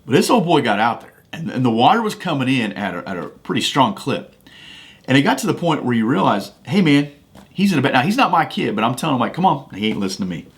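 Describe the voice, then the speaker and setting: A man's voice: medium pitch, sing-song, fast. A man hosting a podcast, talking casually about faith and telling a personal story in a folksy, conversational way with frequent restarts. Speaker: podcast host. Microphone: studio microphone.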